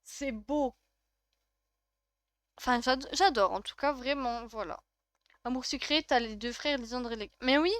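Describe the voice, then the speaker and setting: A woman's voice: on the high side, a little slow, long pauses, a bit bright, no echo, studio quality. A young woman with a French accent streaming a life-sim game, chatting casually and gushing as she reacts to her chat. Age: young adult.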